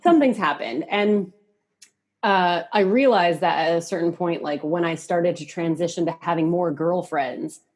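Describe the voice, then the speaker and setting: Her voice sits on the low side, a little mellow, at a normal speed. She's in her thirties, a musician and hairstylist appearing as a podcast guest, chatting casually, candidly and gigglingly with plenty of "like".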